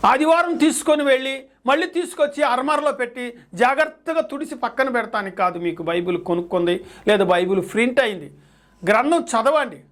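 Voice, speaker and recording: A man's voice: very high voice, fairly bright tone. Man, pastor, sermon, emphatic rhetorical questions, repeats scripture line by line.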